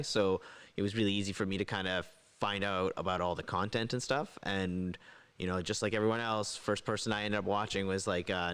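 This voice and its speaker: A man's voice: sits low, a bit bright, clean tone. A man co-hosting a casual podcast chat, rambling and hesitant with lots of fillers. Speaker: podcast co-host.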